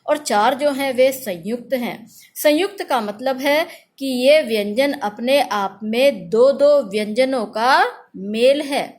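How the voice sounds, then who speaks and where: A woman teacher giving a grammar lesson, saying letters slowly and loudly for pupils to repeat after her. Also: high voice.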